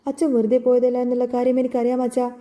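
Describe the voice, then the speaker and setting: A woman's voice: fairly high pitch, monotone, fast, dark tone, natural voice. A woman voicing a young, loving, anxious daughter in a told family story. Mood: pleading.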